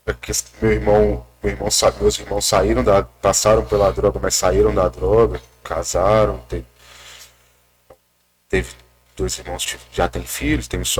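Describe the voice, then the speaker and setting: A young man, speaking hesitantly with many restarts and pauses while recounting his story in an interview at a rural rehab center. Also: lowish voice, slight background noise. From Minas Gerais, Brazil. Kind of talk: casual personal account.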